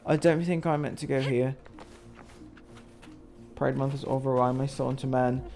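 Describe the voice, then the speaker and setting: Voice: medium pitch, fairly even intonation, moderate pace, dark tone. Playful game streamer, put-on British accent, chatty and sweary, faint music behind. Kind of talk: casual gaming commentary.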